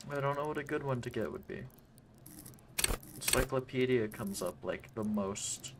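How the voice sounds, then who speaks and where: A man chats casually while playing a video game, musing out loud and second-guessing his moves. His voice sits at a middling pitch, with clear background noise from the room. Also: normal speed. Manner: musing, unsure, thinking aloud. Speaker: game streamer. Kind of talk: casual gameplay commentary.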